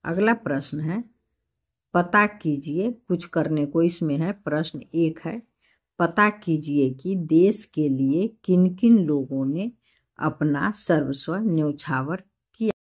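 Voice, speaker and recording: A woman teacher reading out textbook questions and dictating the answers slowly and carefully. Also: low-pitched, breathy edge. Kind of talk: explaining textbook answers to a class.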